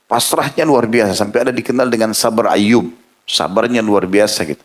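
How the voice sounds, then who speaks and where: A man's voice: lowish voice, fairly quick. A man preaching a sermon, telling a story and acting out the quoted speech of its people. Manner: lively storyteller who acts out quoted speech. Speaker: Islamic preacher.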